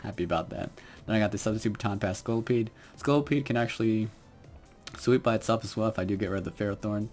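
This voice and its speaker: A young man commentating his own Pokemon battle quietly, with lots of fillers and restarts. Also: lowish voice, quick pace, soft background music. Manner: quiet, hesitant, many fillers. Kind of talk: game commentary.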